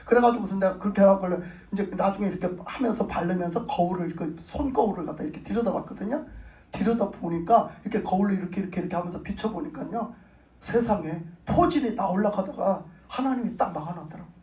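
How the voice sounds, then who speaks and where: A woman's voice: mid-range voice, quick pace, warm tone. A middle-aged woman pastor gives a spirited testimony sermon, acting out her own prayers as she tells the story. Her voice carries from a distance off the microphone and rings around a roomy church sanctuary.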